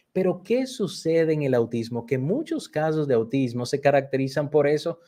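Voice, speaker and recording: A man's voice: medium pitch, dark tone. A man teaching a workshop lesson, explaining patiently and repeating key points to his listeners. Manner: acts out children's repeated phrases. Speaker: instructor.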